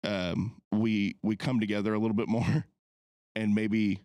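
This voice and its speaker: A man's voice: on the low side, flat delivery, measured pace, darkish tone, no room sound. A man, a podcast co-host rambling and swearing in casual chat.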